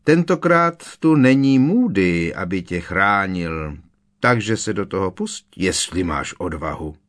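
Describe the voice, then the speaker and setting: A man voicing an arrogant teenage boy wizard in an audiobook, raising his voice into a loud, mocking taunt. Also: sits low, animated. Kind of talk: audiobook character voice.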